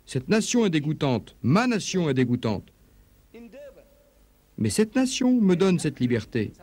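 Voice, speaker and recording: A man preaching in a dubbed religious lecture, emphatic, asking rhetorical questions, his pitch swinging up and down. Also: darkish tone.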